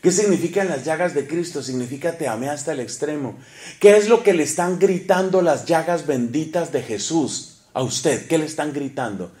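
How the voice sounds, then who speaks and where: A man preaching a sermon, animated, asking the congregation questions and swinging between loud and hushed delivery. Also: on the high side, normal speed, hardly any pauses, reverberant. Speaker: priest preaching.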